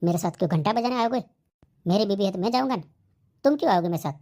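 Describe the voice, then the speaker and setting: A woman voicing a grown married man in a comedy cartoon whose wife has left him, snapping back with quick complaints. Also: medium pitch, animated, dark tone, close to an everyday voice. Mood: irritated. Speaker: cartoon character.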